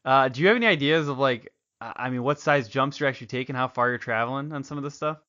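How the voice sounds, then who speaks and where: A man hosts a podcast in a friendly, easygoing way, quick to laugh and full of fillers. His voice is bright, and the recording sounds a bit dull and lo-fi. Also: medium pitch. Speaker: podcast host. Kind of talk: casual podcast interview.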